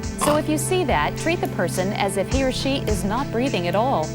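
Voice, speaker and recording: Woman, CPR instructor, scripted narration, calm step-by-step coaching, slightly high voice. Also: fairly quick, over loud music.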